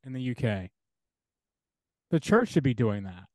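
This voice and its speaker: A man's voice: mid-range voice, sing-song, unhurried, darkish tone, no echo. A man speaking as an interview guest and theologian, talking earnestly and building his points through repeated parallel phrases.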